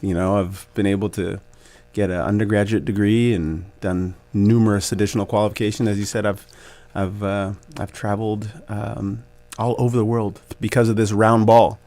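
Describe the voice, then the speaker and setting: A man in his forties with a lowish, gravelly voice talks as a radio guest. He reflects warmly on his coaching career, chuckles often, and works through his thoughts with plenty of ums and restarts. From Canada. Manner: reflective, grateful, laughs easily, many fillers. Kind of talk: radio interview conversation.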